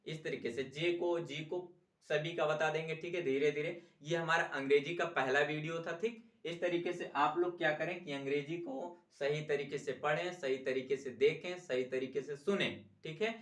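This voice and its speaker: A man's voice: fairly high pitch, moderate pace, a bit bright. A man teaching a basic language lesson in a questioning classroom style, who keeps checking in with the learners and repeats answers back to them. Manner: repeats "ठीक है" after each point and asks the class questions. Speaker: English teacher. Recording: echoey room.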